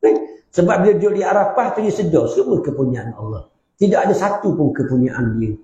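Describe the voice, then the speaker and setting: A man giving a religious class, humorous and animated, often checking with questions to the class. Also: fairly high pitch, a little fast. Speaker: religious teacher. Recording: roomy, slightly dull recording.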